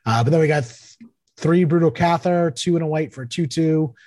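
A man with a Boston accent co-hosting a podcast, chatting casually about card games and thinking aloud haltingly. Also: on the high side, a little mellow, dry recording, studio quality. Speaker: podcast co-host. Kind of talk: casual banter and card game commentary.

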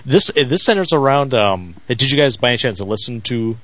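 A man hosts a podcast in a relaxed, chatty way. His voice sits at an ordinary middle pitch. He reads listener emails aloud between bits of easygoing banter. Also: brisk, no echo, rough recording. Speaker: podcast host. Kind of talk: casual chat over a video call.

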